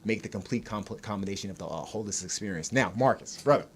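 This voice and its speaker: Animated man hosting an interview. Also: on the low side, fast talker, slightly rough. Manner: lively, animated, laughs often, does playful voices. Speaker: host. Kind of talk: energetic interview.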